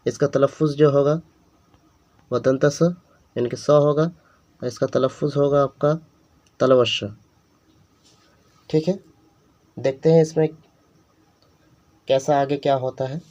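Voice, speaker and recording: A man's voice: mid-range voice, warm tone, muffled recording. A man teaching a beginner lesson, spelling out letters and repeating each sound carefully. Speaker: Urdu teacher.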